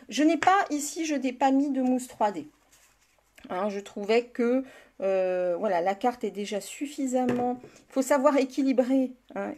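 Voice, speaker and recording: A chatty woman demonstrating a card-making craft in a live tutorial, her voice sitting a little high. She talks to her viewers by name as she works and laughs easily. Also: mellow. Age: older.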